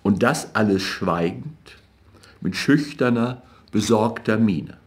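A man reading literary fiction aloud as an audiobook narrator in a measured, even way. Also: fairly low pitch.

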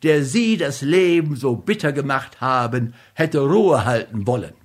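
A man doing a sharp-voiced proud nobleman. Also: medium pitch, expressive, takes it slowly. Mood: angry, firm. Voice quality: sharp, forceful. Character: proud nobleman defending a dead woman's honor.

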